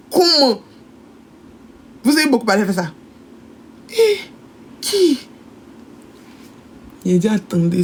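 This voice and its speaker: A woman, a shop owner, telling a story in a casual, animated way and acting out the voices of the people in it. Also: mid-range voice, a little hiss or hum. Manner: animated, acts out quoted voices of her employees.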